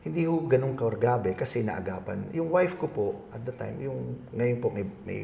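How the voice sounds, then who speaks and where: A man's voice: mid-range voice, animated, moderate pace, creaky, warm tone, roomy sound, a little hiss or hum. A middle-aged man, a guest being interviewed, telling a long personal story in a polite, rambling way with many restarts. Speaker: guest, agribusiness consultant.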